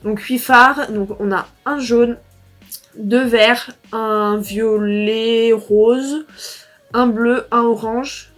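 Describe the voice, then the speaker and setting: Teen girl from france rambling thru a makeup review, lots of ums, soft music behind. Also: on the high side, fairly even intonation, extremely slow. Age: teens. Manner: chatty, rambling with fillers and restarts. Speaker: beauty vlogger.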